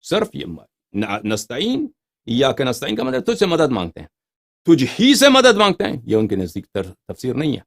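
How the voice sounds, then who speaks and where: A man giving an explanatory scriptural lecture, emphatic, reciting quoted passages slowly and repeating key words, and putting rhetorical questions to his listeners. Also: mid-range voice, wildly swooping pitch. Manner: asks rhetorical questions to the audience. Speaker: religious lecturer.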